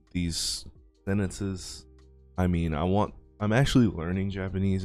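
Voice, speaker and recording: Deep and slightly mellow, this man's voice belongs to a YouTuber and aspiring voice actor. He rambles casually over his gameplay, chatty and self-deprecating.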